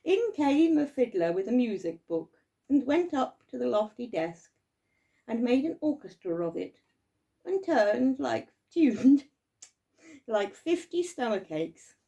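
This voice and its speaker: Female live storyteller, slow, gravelly, unpolished and expressive. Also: a little high, muffled recording. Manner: expressive, with fumbles and laughs. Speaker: reader.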